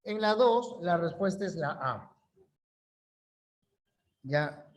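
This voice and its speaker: A man's voice: high-pitched, animated, takes it slowly. A male language teacher giving an online class lecture, repeating key rules and checking understanding with short questions.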